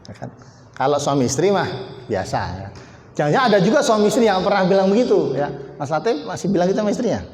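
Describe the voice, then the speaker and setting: A man's voice: high voice, sing-song, quick pace, darkish tone. A man giving a motivational talk to a company team, emphatic and repetitive, joking with people in the audience. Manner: emphatic, repeats key words, jokes with named audience members. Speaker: motivational speaker. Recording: echoey hall, long reverb.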